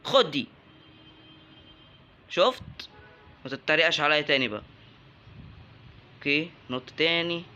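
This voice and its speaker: Bright, lively Egyptian gamer guy. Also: fairly high pitch, unhurried, long pauses, muffled recording, soft background music. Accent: Egyptian Arabic. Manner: jokey, bursts into excited yelps at enemies. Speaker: gaming YouTuber. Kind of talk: let's-play commentary.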